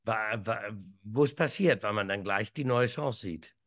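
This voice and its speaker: With a lowish, slightly bright voice and a measured pace, a man in his fifties co-hosts a relaxed comedy chat on a video call. He's indoors at home using a webcam, rambling, joking and restarting often.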